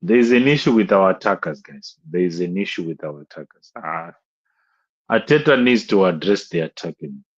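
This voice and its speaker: A young man ranting on a live stream, exasperated and looping back over the same points. His voice sits low and sounds husky, and the audio comes through dull and lo-fi. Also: expressive, normal speed. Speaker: football fan streamer. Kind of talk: live stream match rant.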